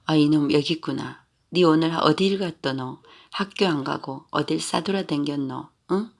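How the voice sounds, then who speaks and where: A man voicing a drunk, blustering, one-armed middle-aged father who scolds loudly in Gyeongsang dialect. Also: a little high, normal speed, creaky. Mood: scolding. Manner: loud scolding, slurred boasting.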